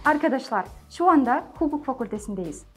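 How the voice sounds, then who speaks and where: A woman's voice: sits high, lively intonation, brisk, a bit bright, faint music behind. A young woman student giving a prepared presentation as a non-native speaker of Turkish. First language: not Turkish. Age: young adult. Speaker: university student.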